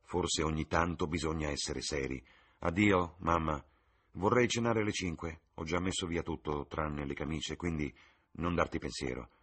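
A man voicing a sullen, blunt young sailor brother in an audiobook, husky and subdued. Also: a bass voice, normal speed, fairly bright tone, full character voice. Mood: brooding.

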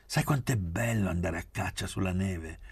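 A man's voice: deep voice, moderate pace, creaky, breathy edge, no echo, heavily acted. A man voicing an eager young doctor.

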